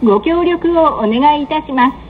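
A woman giving scripted automated train announcements in a polite, measured, formal manner. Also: sits high, animated. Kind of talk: scripted recorded onboard announcement. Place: train carriage public-address system. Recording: dull lo-fi train PA, running noise. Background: train ambience.

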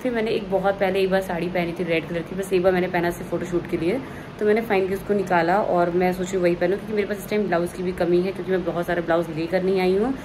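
A woman's voice: lowish voice, fairly even intonation, fast talker, background noise. A young woman chatting casually in a home vlog, slipping English words into her speech. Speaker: vlogger.

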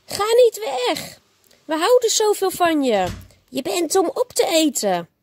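A woman voicing a crowd of big wild monsters, pleading in high cries in a storybook reading. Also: very animated, measured pace, darkish tone, exaggerated voice.

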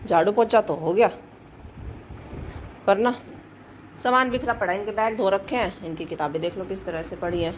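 Speaking at normal speed with long pauses, a vlogging mom in her thirties casually narrates her day at home to her viewers. Her chatty talk is punctuated by sharp, high calls scolding the children, and the low-quality recording carries a slight hiss or hum.

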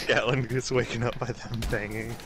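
A man trading jokes and callouts in a casual gaming chat. His voice is mid-pitched. Loud background noise runs under his headset audio.

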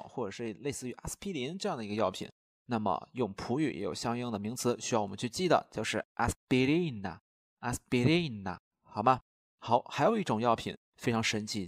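Patient male teacher, slow spelled-out words. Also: mid-range voice, dry recording, studio quality. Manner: patient, drawn-out model pronunciations, frequent rhetorical checks. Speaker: language teacher. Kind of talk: recorded language lesson.

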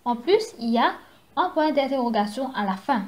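A woman teacher giving a recorded lesson from home, explaining slowly and carefully to young children. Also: high-pitched, animated, a little mellow. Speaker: primary school teacher.

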